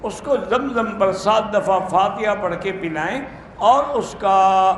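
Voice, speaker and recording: A man, an Islamic scholar, giving brisk, plain-spoken answers to religious questions in a question-and-answer talk. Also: sits high, a little hiss or hum. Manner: plain-spoken, brisk, matter-of-fact rulings. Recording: echoey room.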